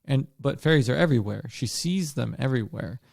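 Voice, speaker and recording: A man's voice: mid-range voice, lively intonation, brisk, gravelly, a little mellow, no echo, studio quality. A man co-hosting a book podcast, talking things through in a loose, thoughtful way with fillers and restarts. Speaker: podcast co-host. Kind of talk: casual book discussion.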